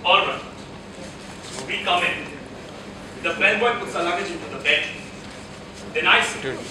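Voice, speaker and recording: A young man, a student stage actor, plays a frantic, short-tempered American husband in a live play on an auditorium stage, muttering and searching in an exasperated, self-pitying, melodramatic rant. His voice is high and his pace measured. The recording is echoey and noisy, captured from far off in the auditorium.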